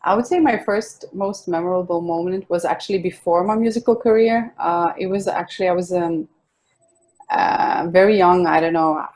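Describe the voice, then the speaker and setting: A young woman with a Swedish accent talks in a relaxed, chatty way as an interview guest. Her voice sits a little low, with soft laughs and easy restarts. It sounds like a video call from home. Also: moderate pace. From Sweden. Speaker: guest singer-songwriter. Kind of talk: casual interview chat. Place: home in a city apartment.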